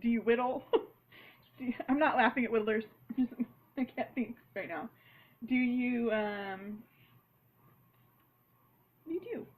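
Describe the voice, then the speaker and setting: A woman's voice: a little high, steady tone, slow pace, long pauses, phone-quality sound, a little hiss or hum. A woman author chatting casually and rambling a little as she writes, laughing at herself now and then. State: has the hiccups. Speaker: author vlogging a write-along. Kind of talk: casual chat while writing.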